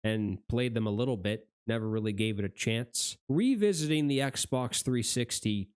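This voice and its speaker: A man hosting a gaming channel in casual, rambling vlog talk, correcting himself mid-sentence, his voice going hoarse. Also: medium pitch, normal speed, a little mellow.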